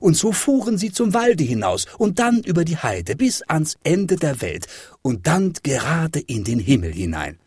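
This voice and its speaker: A man reading a children's fairy tale aloud with expressive, dramatic delivery. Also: fairly high pitch, husky, no room sound, clean studio sound. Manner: lively, dramatic rises and falls. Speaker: storyteller.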